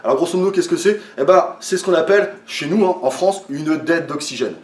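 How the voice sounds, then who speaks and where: A man's voice: a little high, a little fast. A man explaining a training method to his viewers in a casual way, with lots of fillers and restarts, a little tired. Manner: hesitant, many fillers and restarts, addresses viewers as friends. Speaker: fitness coach. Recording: echoey room, from a distance.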